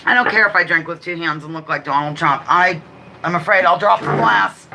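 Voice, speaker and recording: A woman with a very bright, sharp voice hosts a relaxed live quiz stream. She talks quickly and chattily, drifting into apologetic asides between the questions she reads aloud. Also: lowish voice, a little hiss or hum, poor audio. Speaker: livestream host running a trivia quiz. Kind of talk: casual live chat with read-out quiz questions.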